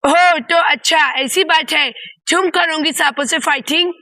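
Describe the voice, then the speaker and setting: A woman's voice: sits high, fairly even intonation, normal speed, pushed and bright, no room sound, studio quality. A woman voicing a suspicious, sarcastic teacher in a doll story. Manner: sarcastic, questioning. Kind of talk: doll story play-acting.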